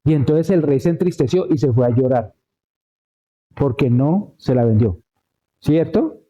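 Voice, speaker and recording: A male preacher delivers a relaxed, storytelling sermon in a church. His voice sits a little high yet sounds deeply dark and mellow. He keeps turning to the congregation to check that they follow. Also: measured pace, lo-fi sound. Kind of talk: conversational sermon.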